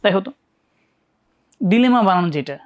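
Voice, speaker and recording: Speaking at normal speed with lively intonation and a medium pitch, a teacher with a Bangladeshi Bengali accent runs a live online English lecture aimed at university admission tests, frequently checking in and quizzing students.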